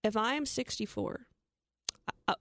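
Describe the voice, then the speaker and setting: A woman co-hosting a financial talk show, explaining listener questions in a brisk, enthusiastic way. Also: fairly high pitch, gravelly, fairly bright tone, no echo, studio quality. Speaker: financial radio show co-host. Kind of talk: casual talk radio chat.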